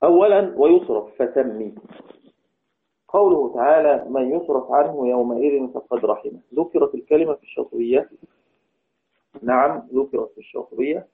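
A man teaching Quranic readings in a lecture, asking his students questions and answering them himself, slowing down to recite verse lines. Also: medium pitch. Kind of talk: classroom lecture. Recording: tinny phone-like recording.

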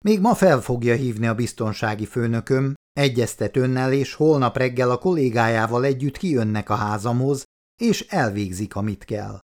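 A man's voice: mid-range voice, animated, lightly acted. A man voicing a composed bank president. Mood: firm.

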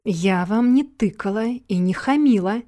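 A woman's voice: medium pitch, moderate pace, warm tone, no echo, studio quality, lightly acted. A woman voicing a spoiled rich young woman who answers brusquely and indignantly.

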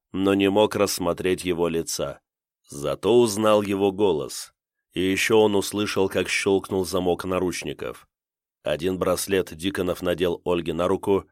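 Male narrator, audiobook, low voice, steady tense storytelling, dry close sound. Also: no room sound.

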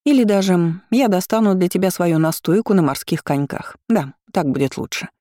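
A woman doing a gentle, soothing mother. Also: on the low side, normal speed, no echo, studio quality, voice pushed up, lightly acted. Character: soothing middle-aged mother.

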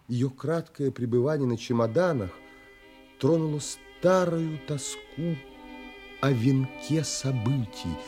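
A medium-pitched actor takes the role of a romantic, wistful man who describes his yearnings with contemplative, measured expression, literary audio play style. He comes across as wistful and stirred.

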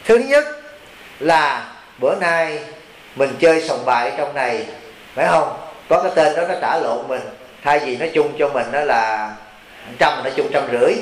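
Folksy monk preaching. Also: male voice, fairly high pitch. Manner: folksy, teasing, asks the audience questions. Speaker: Buddhist monk teacher. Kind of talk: sermon to a retreat. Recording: roomy hall with faint hiss.

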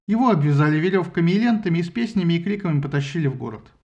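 A man narrating an audiobook with a lively, ironic storytelling manner. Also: a little high, racing, lo-fi sound.

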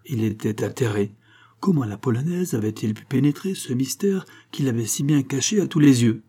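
Man with a mellow voice narrating a novel. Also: mid-range voice, normal speed. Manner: dramatic, expressive reading. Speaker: audiobook narrator. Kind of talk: scripted narration of a classic novel.

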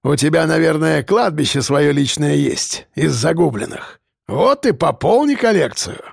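A man voicing a jeering male convict who taunts in a rough voice. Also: fairly high pitch, expressive, unhurried, no echo, studio quality, full character voice. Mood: taunting.

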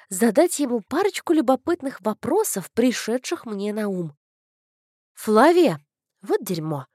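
A woman's voice: fairly high pitch, dark tone, no echo, studio quality. A woman narrating an audiobook in the first person with a wry, ironic delivery.

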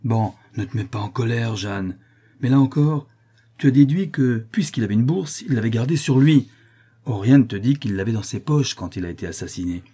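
A man's voice: medium pitch, lively intonation, moderate pace, dark tone, breathy edge. A man voicing a shrewd man who scolds and coaxes a widow in an audiobook. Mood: scolding. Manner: scolding, coaxing.

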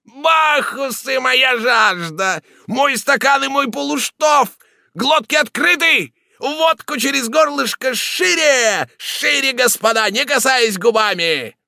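A tipsy, exuberant writer roars toasts, his voice stretched high and loud. A man acts him out in an audiobook reading. Each shout swoops widely, recorded dry and close. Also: very animated, slow, few pauses, no room sound, full character voice. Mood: rowdy. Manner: bellowing, exuberant. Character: boisterous, tipsy male religious writer.

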